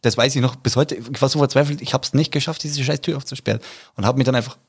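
A man's voice: medium pitch, fairly even intonation, quick pace, slightly rough. A young man telling a funny story in casual chat among friends, laughing often and restarting his sentences.

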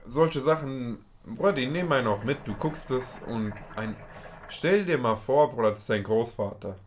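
A man's voice: medium pitch, expressive, normal speed, a little hiss or hum. A young man hosting a casual chat, talking emphatically in street slang, his voice climbing when he gets worked up.

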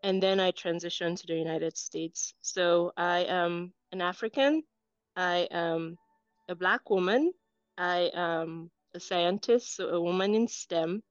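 Woman guest from Cameroon, lowish voice, earnest and composed, dull dry recording. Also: measured pace, smooth, no room sound, soft background music. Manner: earnest, composed, speaks in lists. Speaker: guest, engineer and academic coach. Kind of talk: interview answers.

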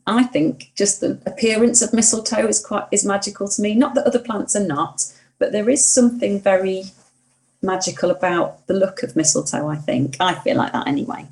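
A woman's voice: medium pitch, a little fast, creaky, poor audio. A woman co-hosting a casual podcast chat, earnest and opinionated, at times getting mildly indignant. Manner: earnest, warmly opinionated, talks herself into mild indignation. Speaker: podcast co-host.

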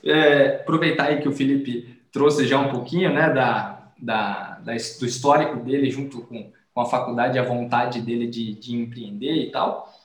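A man's voice: medium pitch, fairly even intonation, moderate pace, hardly any pauses. A man hosting an interview casually, asking questions and often dropping short friendly affirmations. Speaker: podcast host. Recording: roomy echo.

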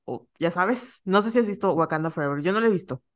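A woman's voice: lowish voice, expressive, fast. Giggly Yucatecan woman podcaster. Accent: Yucatecan Spanish. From Yucatán, Mexico. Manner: playful, giggly, self-mocking. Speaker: podcast co-host. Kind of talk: casual chat.

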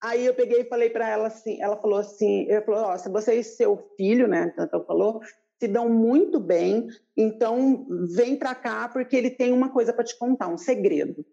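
A woman recounting her own story in an interview, animated and lively, jumping up in pitch whenever she acts out what someone said. Her voice is gravelly and mellow, and the recording sounds dull and lo-fi. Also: a little fast. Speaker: guest telling her life story.

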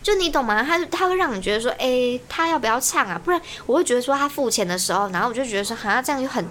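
A young woman, chatting on a podcast in an animated, ranting way and laughing often. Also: fairly high pitch, rapid-fire, slight background noise. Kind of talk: casual chat.

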